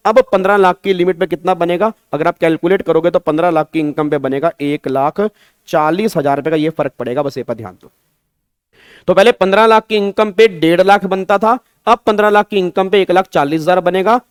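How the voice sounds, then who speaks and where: A man's voice: sits high, clear, resonant tone, no echo. A man with an Indian accent giving an online exam-prep tax lecture, coaxing students and repeating his questions, mixing Hindi with English terms. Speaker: tax teacher.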